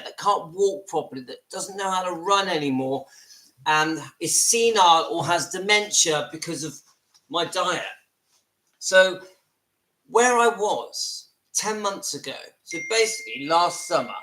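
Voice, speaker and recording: A man's voice: sits high, pushed and bright, echoey room, low-quality recording. A man in his fifties with a West Country English accent, talking earnestly and a little self-deprecatingly to viewers from his home in a casual live video. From southwest England. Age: 50s. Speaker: vlogger. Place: at home, seated.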